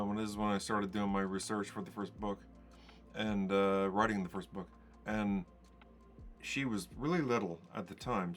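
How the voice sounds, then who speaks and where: Low-voiced man telling stories casually. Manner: rambling, conversational, acts out quoted dialogue. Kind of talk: casual podcast storytelling.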